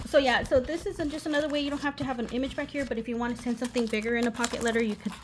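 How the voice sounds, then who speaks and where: A woman's voice: fairly high pitch, fairly even intonation, very fast. A woman giving a casual, rambling craft show-and-tell in her living room over a running washing machine, often losing her thread and interrupting herself. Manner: scattered, self-interrupting, giggly asides. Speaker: craft vlogger. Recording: washing machine noise in background.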